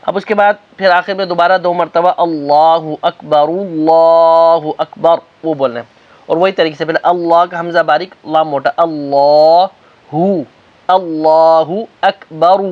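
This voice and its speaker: High-voiced man teaching chanted recitation. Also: steady tone. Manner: explains quickly, then demonstrates slow drawn-out chanted phrases. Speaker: religious teacher. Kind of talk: recitation lesson. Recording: dull lo-fi recording.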